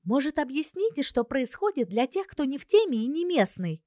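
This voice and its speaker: A loud, excitable young girlfriend with a high, ringing voice, as a woman reader puts her on. She fires off shrill questions and shouts in bursts. The recording is dry and close. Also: brisk, no room sound. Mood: curious.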